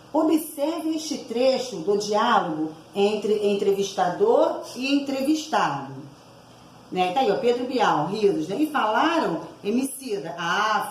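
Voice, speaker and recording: Going over the class's exercise answers out loud, this teacher explains every item and keeps checking in with listeners through frequent agreement-seeking tags. She has a fairly high voice with a darkish tone. The poor recording has room echo and slight background noise.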